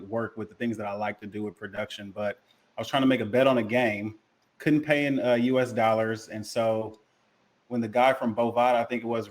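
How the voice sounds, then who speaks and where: A man guest talking casually and slangily about his background, laid-back and even. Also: on the low side. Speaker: guest, crypto consultant. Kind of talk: casual interview chat.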